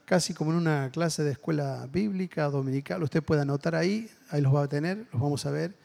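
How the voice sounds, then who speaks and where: In a brisk, creaky yet mellow voice of fairly high pitch, a Rioplatense Spanish-accented preacher narrates a story, performing the characters' voices. The sermon climbs toward forceful exhortation.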